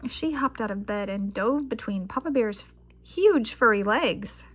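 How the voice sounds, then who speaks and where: She narrates a children's picture book with lively expression, her voice pitched on the high side. The delivery runs a little slow.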